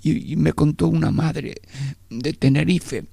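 A man's voice: a little high, a little slow, gravelly, warm tone, slightly rough, no echo. A male priest giving a prayerful sermon, often speaking directly to God as a meditation.

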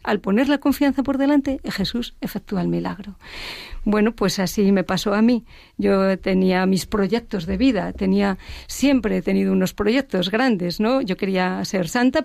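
A woman giving an earnest personal faith testimony, reflective and sometimes dropping to a hush. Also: medium pitch, creaky, no room sound, studio quality. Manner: earnest, reflective, drops to a hushed whisper at times.

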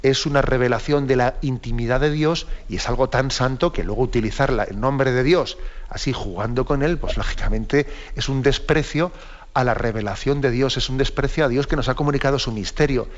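Unhurried man teaching, lo-fi sound. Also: medium pitch. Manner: unhurried, with many "¿no?" asides. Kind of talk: catechetical talk on a program.

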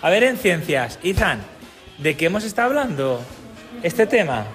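A man's voice: high voice, sing-song, normal speed, a bit bright, soft background music. A man, a teacher quizzing children on a school radio show in an encouraging, playful way. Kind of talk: quizzing children in class chat.

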